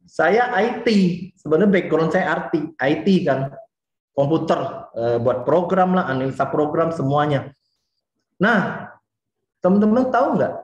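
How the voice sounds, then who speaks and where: A man in his forties from Indonesia giving a lively, chatty motivational talk and speaking straight to his listeners. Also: fairly high pitch, measured pace, pauses often, reverberant, dull audio. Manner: lively and chatty, often addresses the listeners directly.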